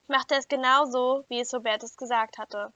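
A woman reading a first-person children's story aloud in an even, clear storytelling manner. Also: high-pitched, normal speed, dry recording. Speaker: story reader. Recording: dull lo-fi dry recording.

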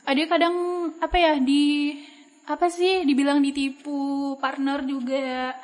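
A young woman with a high voice talks about running her small online bag shop. She answers in an easygoing, reflective way and often stops to think mid-sentence. Her delivery stays casual and unhurried. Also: low-quality recording. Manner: relaxed, reflective, with frequent thinking pauses.

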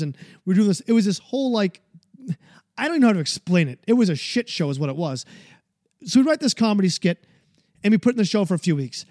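A man's voice: high voice, warm tone, no echo, clean studio sound. A man hosting a podcast, delivering a fired-up, preachy motivational monologue and swearing freely. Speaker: podcast host.

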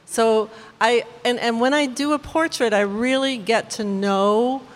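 A woman's voice: on the high side, unhurried. A woman artist speaking on a live panel, rambling with frequent fillers and restarts. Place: art gallery. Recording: long gallery reverb.

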